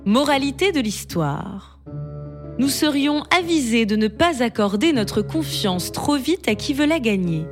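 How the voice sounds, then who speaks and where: A woman narrating a bedtime story at an unhurried, gentle pace, her voice rising and falling expressively. Soft music plays faintly beneath her. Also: sits high. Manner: slow, expressive reading.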